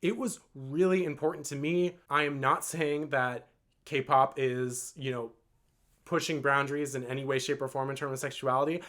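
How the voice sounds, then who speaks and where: A man's voice: medium pitch, steady tone, moderate pace, fairly bright tone. A man telling a long storytime vlog in an earnest, rambling way, full of "like" and "um". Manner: rambling and earnest, with many "like" and "um" fillers. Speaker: vlogger.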